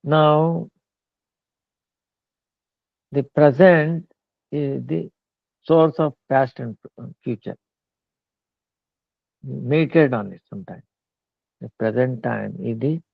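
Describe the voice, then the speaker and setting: A man giving a slow devotional discourse, pausing often with fillers. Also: medium pitch, creaky, no room sound. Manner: slow halting talk with many fillers. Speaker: spiritual teacher. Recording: tinny phone-like line.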